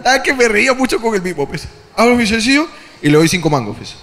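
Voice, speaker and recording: A man with a Peruvian accent, hosting a comedy podcast, telling a crude story in an animated way, dropping tag questions all the time. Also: high-pitched, fast talker, big-room sound. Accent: Peruvian Spanish.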